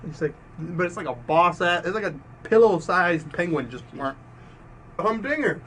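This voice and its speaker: A young man with a high, excitable voice rambles through an anecdote, stacking up filler words as he goes. A faint hiss runs under the chat. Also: normal speed. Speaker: podcast co-host. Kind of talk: casual chat.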